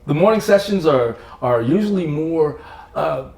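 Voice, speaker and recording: A man's voice: a little high, measured pace, gravelly, roomy sound. A man, an artist, telling stories about his career in a casual interview in his studio, acting out the people in his anecdotes and laughing often. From Cape Cod, Massachusetts. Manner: animated storyteller, acts out voices in anecdotes, laughs often. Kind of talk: casual storytelling conversation.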